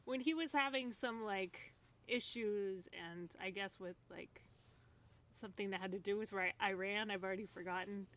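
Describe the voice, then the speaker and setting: A woman with a bright, sharp-toned voice chats as a cooking guest on a show. She giggles often and hedges her words, with lots of "like" and "I guess". Faint noise sits behind her. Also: medium pitch, moderate pace. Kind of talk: casual chat.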